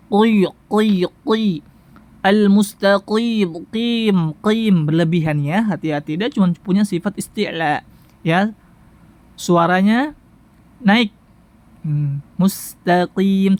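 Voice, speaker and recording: A Quran recitation teacher giving a tajwid lesson, patiently repeating syllables slowly for the listener to practice. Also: mid-range voice, a little mellow, no echo. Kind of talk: tajwid lesson with sound drills.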